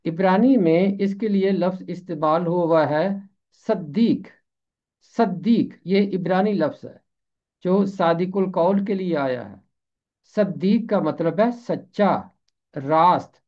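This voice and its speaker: A man teaching Urdu pronunciation, repeating each word slowly and carefully and explaining what it means. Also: sits high. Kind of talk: slow deliberate Urdu pronunciation lesson. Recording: dull lo-fi recording.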